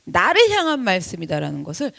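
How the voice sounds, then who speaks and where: A woman pastor preaching a sermon, acting out quoted speech and swinging from loud lines to hushed asides. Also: wildly swooping pitch, fast talker, vocal fry. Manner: acts out quoted speech in a high voice. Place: church sanctuary.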